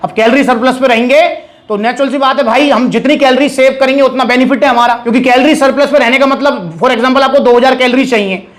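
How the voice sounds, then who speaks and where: High-voiced man giving chatty advice. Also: steady tone, fast talker. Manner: direct and chatty, addresses viewers as brothers, repeats key points. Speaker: supplement shop owner giving advice. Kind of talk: casual advice video to camera.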